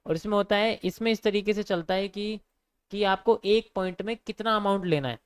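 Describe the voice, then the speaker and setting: A man's voice: sits high, a little fast, clean tone. A young man giving a casual live lesson on trading, repeating his points and calling viewers bro. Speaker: trading teacher.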